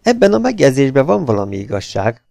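A man reading aloud, voicing a stocky, hot-tempered older sailor who bursts out in rough, indignant shouts. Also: medium pitch, very animated, no room sound, clean studio sound, voice pushed up.

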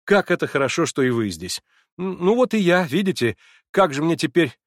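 A man voicing an eager, excitable young man who protests his innocence. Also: a little high, moderate pace, no room sound, clean studio sound, voice pushed up. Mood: flustered.

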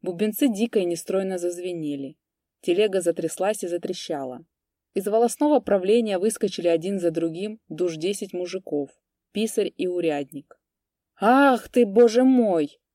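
A woman reading a classic story aloud as an audiobook, with a steady, even delivery. Her voice is fairly low and mellow, recorded close and dry. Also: moderate pace, dry recording. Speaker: narrator. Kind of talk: audiobook narration.

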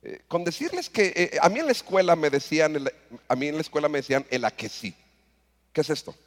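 A man with a Mexican accent telling a comic story on stage as a motivational speaker, animated and acting out the voices. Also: on the high side, a little fast. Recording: long reverb in a hall.

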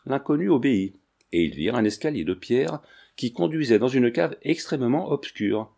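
A man reading a classic novel aloud with a measured storytelling cadence. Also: medium pitch, expressive, gravelly, dark tone. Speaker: audiobook reader.

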